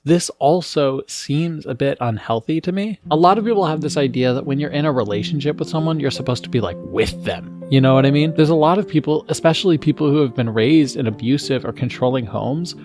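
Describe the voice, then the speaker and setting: A man's voice: a little high, fairly quick, few pauses, music in the background. A man giving an earnest film critique commentary, with sarcastic asides. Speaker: video essayist.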